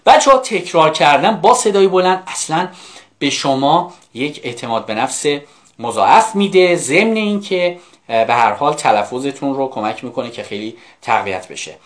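A man giving a live online English lesson, repeating phrases slowly, spelling words letter by letter and often checking in with "okay?". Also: fairly high pitch. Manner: coaxing, often asks "okay?". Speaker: English teacher.

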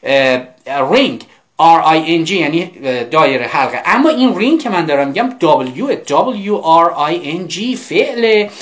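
Teacher running an english class in persian, says each phrase slow and over again, rattles off quick asides to students. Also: mid-range voice, expressive, fairly bright tone. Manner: drills English phrases slowly, repeating each one. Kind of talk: live English vocabulary class.

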